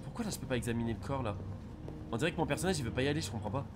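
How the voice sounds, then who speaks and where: A young man streaming a game, reacting excitedly and shouting at the action. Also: mid-range voice, racing, over music. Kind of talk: live gameplay commentary.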